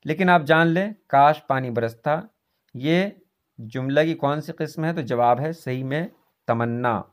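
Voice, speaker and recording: A man's voice: a little high, unhurried. A man going through exam questions as a teacher, reading each question and its options before giving the answer, with speech. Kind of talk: quiz walkthrough lesson.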